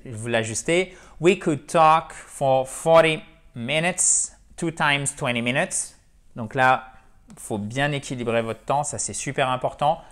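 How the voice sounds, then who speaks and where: A man teaching English in French, explaining step by step and slowing down to stress model English phrases. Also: mid-range voice, a bit bright. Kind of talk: French-language English lesson.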